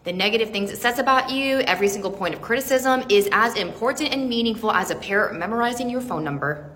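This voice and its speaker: A woman's voice: fairly high pitch, animated, fast talker, a bit bright. Earnest woman in a reverberant room. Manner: earnest, emphatic, casually profane. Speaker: self-help speaker. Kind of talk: motivational monologue to camera. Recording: long reverb, faint background hiss.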